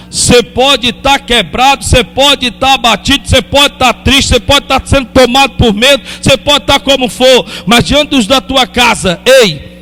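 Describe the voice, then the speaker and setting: A man preaching an impassioned sermon as pastor, fervent and rising to loud exclamations. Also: very high-pitched.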